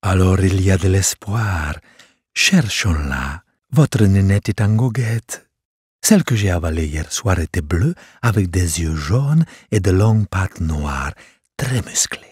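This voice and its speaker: A man's voice: deep voice, animated, a little slow, breathy edge, dry recording, studio quality, pitched below the performer's own voice, exaggerated voice. A man voicing a vain, elegant female trout with a genteel, coaxing manner in a storybook reading. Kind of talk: storybook character voice. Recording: soft music behind.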